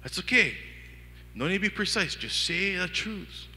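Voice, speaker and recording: A man from Hawaii with a Pidgin-tinged accent, preaching a sermon with lively storytelling and acted-out inner dialogue. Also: high-pitched, normal speed, big-room sound. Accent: Hawaiian Pidgin-tinged English. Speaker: pastor. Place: church hall.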